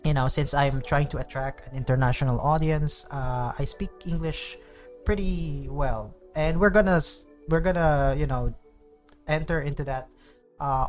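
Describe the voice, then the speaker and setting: Filipino man rambling over faint music. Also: a little high. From Philippines. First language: Tagalog. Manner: rambling, many fillers and restarts. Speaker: podcast host. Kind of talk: unscripted casual monologue.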